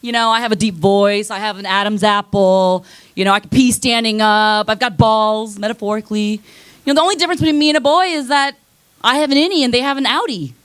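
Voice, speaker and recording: A young woman rambles through a stand-up set at a comedy club, swearing casually, losing her place and laughing at her own slips in a self-deprecating way. Her voice is fairly high, quick, fairly bright, clear and resonant.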